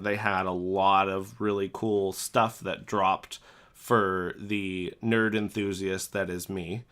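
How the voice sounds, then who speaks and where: A young man chatting on a podcast, retelling a story with animated delivery and leaping into high voices for the quotes. His voice sits low but has a bright, forceful edge. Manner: animated storyteller, acts out quotes with big pitch jumps. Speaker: podcast co-host. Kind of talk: casual storytelling chat.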